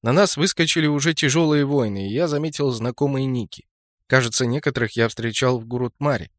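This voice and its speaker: A man narrating a fantasy game novel in a steady storytelling voice, lifting it sharply for shouted lines. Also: mid-range voice, a little fast, no room sound, studio quality. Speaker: audiobook narrator.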